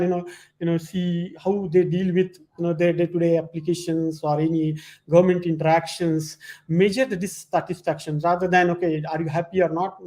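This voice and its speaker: Male presenter, moderately high pitch, informal explanatory slide talk with hesitant, repetitive phrasing. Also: darkish tone. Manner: hesitant, halting phrasing with frequent repetition and "you know".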